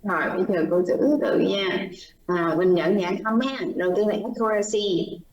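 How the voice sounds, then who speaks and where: A woman's voice: medium pitch, moderate pace, highs cut off. Roomy-sounding woman teacher modeling words. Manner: patient, explanatory, models words by repeating them. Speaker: pronunciation teacher. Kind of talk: online class feedback, mixing Vietnamese and English. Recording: roomy, distant mic with faint noise.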